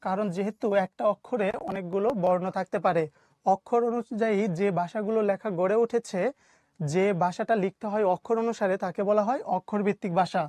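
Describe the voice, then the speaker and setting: A woman's voice: mid-range voice, steady tone, a little fast, warm tone, dry recording. A woman teacher giving an online lesson with a Bangladeshi Bengali accent. She keeps asking the class questions and then answers them herself.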